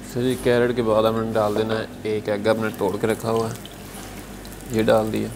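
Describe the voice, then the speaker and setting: Man, cooking instructions, flat steady delivery, sizzling pan noise behind. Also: fairly low pitch, moderate pace, gravelly. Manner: calm, repeats "achha ji" between steps. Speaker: cooking show chef. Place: restaurant kitchen at a gas stove.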